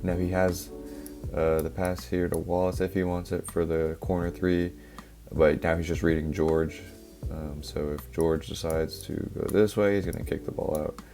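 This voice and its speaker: A young man with an extremely low voice, a little hoarse from a cough, casually breaks down basketball plays step by step for his analysis channel. His relaxed play-by-play film breakdown is full of fillers, with background music underneath.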